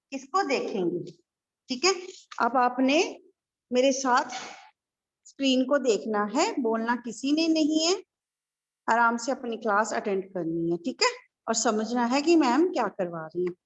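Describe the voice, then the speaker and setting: A woman's voice: on the high side, animated, unhurried, dull audio. A woman kindergarten teacher with a North Indian Hindi accent, giving an online lesson in a patient, sing-song way to small children.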